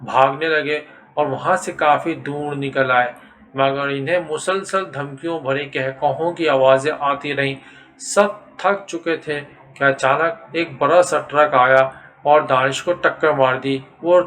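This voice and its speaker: A man narrating a scripted horror story in a steady, dramatic storytelling manner. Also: a little high.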